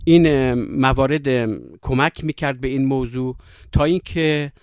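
A man from Yazd, Iran, with a Yazdi Persian accent, is a storyteller guest in an interview, speaking reflectively and pausing on fillers between anecdotes. His pitch is ordinary for a man, intonation fairly even, tone clean and a little mellow. The sound is dry and close, with no echo or room sound.

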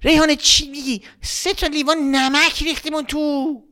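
A man's voice: very high-pitched, flat delivery, pushed and bright, voice pushed up. A man voicing a worried young girl who stammers and pleads with everyone in a children's story.

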